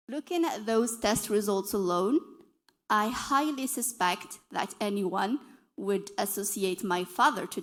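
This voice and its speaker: A young woman from Algeria giving a conference presentation as a dietitian, explaining earnestly and correcting herself as she goes. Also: medium pitch. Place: conference session hall.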